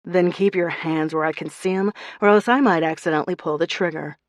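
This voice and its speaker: A woman's voice: lowish voice, fairly quick, no echo, clean studio sound, lightly acted. A woman narrator voicing a gun-wielding female impostor with clipped, threatening lines.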